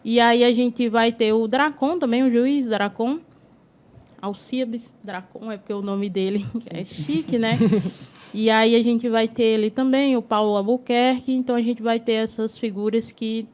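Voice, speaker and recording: Lecturing at length about history as a studio talk-show guest, this northeastern Brazilian woman often tags her sentences with "né". She speaks at a moderate pace in a slightly high, steady, somewhat mellow voice.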